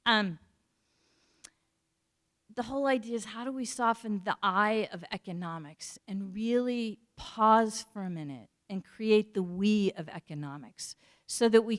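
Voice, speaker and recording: A woman giving a community talk, earnest and searching for words with fillers and pauses. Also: medium pitch, clean tone. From United States. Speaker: panel speaker.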